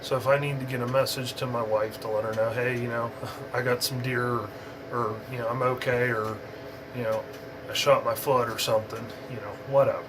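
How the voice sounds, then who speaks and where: Behind this man's voice is a clear, constant background noise. Introducing amateur radio in an informal tutorial, he talks at a medium pitch, hesitating and meandering without a script.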